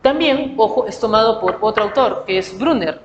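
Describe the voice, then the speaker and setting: A woman's voice: fairly high pitch, animated, moderate pace, dull audio. A woman teacher lecturing on psychology. She speaks with a Peruvian Spanish accent and explains through rhetorical questions and acted everyday examples. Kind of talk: recorded lecture. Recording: reverberant room with faint noise.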